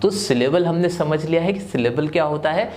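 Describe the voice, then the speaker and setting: A man's voice: fairly high pitch, fairly quick, darkish tone, soft background music. A man teaches spelling rules in a video lesson. He builds each point step by step and poses rhetorical questions before he answers them.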